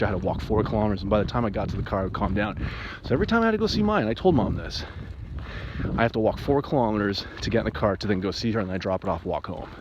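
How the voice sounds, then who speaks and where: A separated father giving an emotional personal monologue, agitated and rambling, with restarts and sudden jumps in pitch. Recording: muffled, with faint background hiss.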